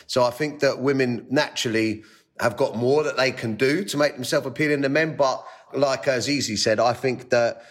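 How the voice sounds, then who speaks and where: A man talking casually in rough, slangy, chav-like street talk as a panel guest. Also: medium pitch, moderate pace. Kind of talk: casual chat.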